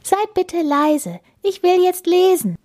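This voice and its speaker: A woman's voice: extremely high pitch, sing-song, slow, darkish tone, voice pushed up, full character voice. Woman playing a firm bookish little girl. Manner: firm, insistent. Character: determined bookish young girl.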